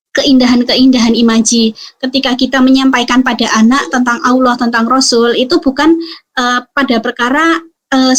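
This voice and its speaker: A woman giving a parenting webinar talk, explaining calmly with frequent fillers and tag questions. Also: on the high side. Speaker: parenting speaker.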